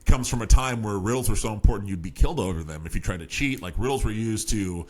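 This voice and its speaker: Deep-voiced man rambling about a book. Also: quick pace, a little mellow. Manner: rambling, lots of fillers and restarts. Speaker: podcast host. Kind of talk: casual book discussion.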